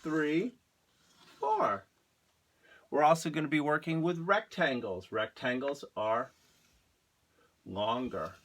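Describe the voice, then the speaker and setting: Slow-speaking male art teacher. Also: mid-range voice, fairly bright tone. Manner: slow, patient, spells things out. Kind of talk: lesson for young children.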